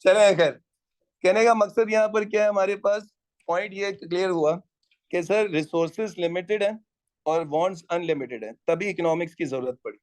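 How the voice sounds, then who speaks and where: A man's voice: high voice, normal speed. A man teaching an economics class, lecturing and quizzing students and teasing latecomers.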